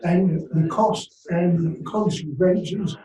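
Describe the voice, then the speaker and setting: A man in his eighties talks slowly and thoughtfully as a panelist, his voice mellow and slightly raised in pitch. He sits well back from the microphone, and the sound carries the echo of a large room. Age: 80s. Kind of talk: panel discussion. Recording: roomy hall, distant from mic.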